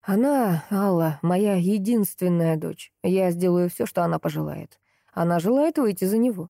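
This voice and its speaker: A woman voicing a stern, wealthy older man who talks gruffly and later wheezes for air. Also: fairly low pitch, normal speed, dark tone, dry recording, studio quality. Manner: gruff, then wheezing and gasping.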